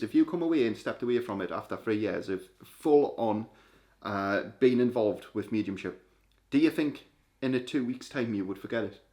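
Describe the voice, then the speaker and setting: Playful man hosting a spiritual chat. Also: mid-range voice. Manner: playful, energetic, lecturing the viewers. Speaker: channel host.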